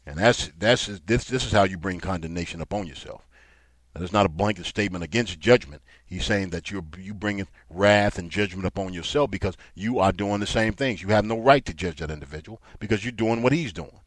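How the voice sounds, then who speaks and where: A low-pitched man preaching, reading scripture aloud and then explaining it. His voice rises in force as he drives his points home. The sound is dry and close. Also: brisk, dry recording. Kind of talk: Bible teaching sermon.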